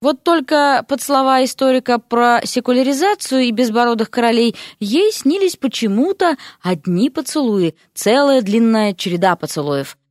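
A woman reading a fantasy audiobook in a lively, characterful way. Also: on the high side, normal speed, few pauses, no echo, studio quality. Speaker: audiobook narrator.

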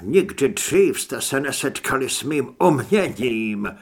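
A man's voice: medium pitch, animated, breathy edge. A man voicing a gloating male necromancer who speaks through a dying cultist, mocking and sneering.

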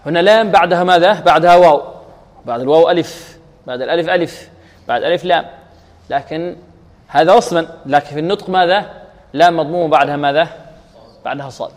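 A fairly high-voiced man teaches Quran recitation and drills each sound slowly, asking questions and answering them himself. His voice carries a long reverb, as in a radio broadcast. He breaks into slow, chanted verses as examples. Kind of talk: tajweed lesson with recited examples.

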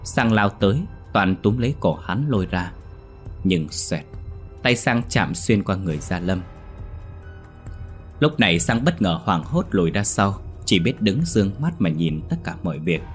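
A man narrating a horror story in a steady, unhurried way. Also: low voice. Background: faint music.

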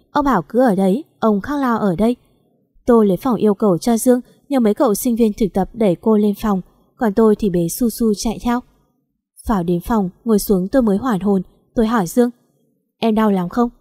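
A woman reading a first-person story aloud in a calm, even storytelling manner. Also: mid-range voice, dry recording, studio quality. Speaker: story narrator. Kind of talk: scripted story narration.

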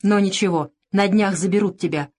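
A woman's voice: medium pitch, a little fast, darkish tone, close to an everyday voice. A woman voicing a spiteful female orphanage caretaker who shrieks and speaks with irritation and contempt. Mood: scornful.

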